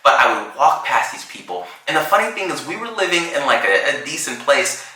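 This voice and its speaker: A man in his thirties co-hosting a podcast, telling a story in a casual, animated, slangy way with frequent laughs. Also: mid-range voice, a little fast, heavy reverb, rough recording. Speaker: podcast co-host.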